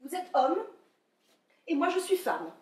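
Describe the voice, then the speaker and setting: A woman's voice: high voice, big pitch swings, unhurried, darkish tone. Woman playing a curt, weary beloved. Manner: curt, languid replies. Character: weary, melancholy young female beloved. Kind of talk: stage comedy acting. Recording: echoey room from far off.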